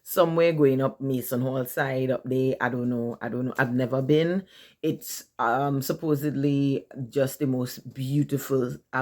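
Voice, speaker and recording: A woman in her forties with a Tobago accent, chatting casually to camera and often asking "right?". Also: very deep voice. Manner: chatty, asks "right?" often, animated asides. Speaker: vlogger. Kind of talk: casual chat.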